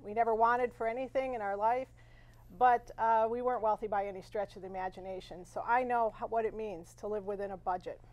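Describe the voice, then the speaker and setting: A woman in her forties from western Michigan, giving an earnest campaign statement at a candidate forum, with frequent pauses on "uh". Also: medium pitch, steady tone, muffled recording. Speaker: candidate for county commission.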